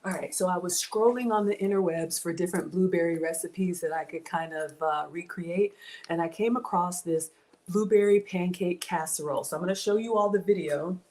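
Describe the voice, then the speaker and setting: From her home kitchen, a Ghana-born woman raised in the American South runs a casual live cooking stream, reading out viewers' comments and thanking supporters in a warm, chatty way full of "y'all." Her voice is fairly low and brisk.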